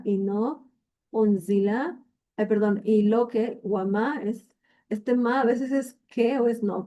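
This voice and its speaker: Woman from Latin America, teacher, slow and mellow, checks in often with "¿no?". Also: medium pitch. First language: Spanish. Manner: thinks aloud with fillers, checks in with "¿no?". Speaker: Quran Arabic teacher. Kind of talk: explaining Arabic vocabulary in a lesson.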